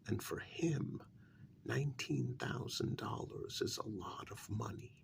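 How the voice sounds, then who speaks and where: In an ASMR role-play, a man speaks softly in a half whisper, his voice breathy and creaky, delivering short phrases in a deliberate, halting way. His pitch sits on the low side, and he sounds very animated.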